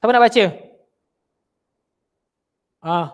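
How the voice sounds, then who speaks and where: In an online class, a man with a Malaysian Malay accent teaches children religion, lively and constantly asking his pupils questions. His voice is high-pitched and smooth, and he speaks at a slow pace.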